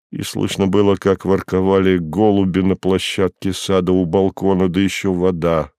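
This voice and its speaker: A man reads a classic novel aloud for an audiobook, measured and deliberate. His delivery is very slow and unhurried, and his voice sits a little low. The sound is dry and close, with no room echo. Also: a little mellow, smooth. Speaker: audiobook narrator.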